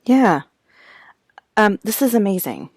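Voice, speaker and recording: A woman's voice: medium pitch, very animated, slow pace, darkish tone, no room sound, clean studio sound. A woman hosting an interview, responding with affirming enthusiasm. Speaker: podcast host. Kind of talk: casual interview chat.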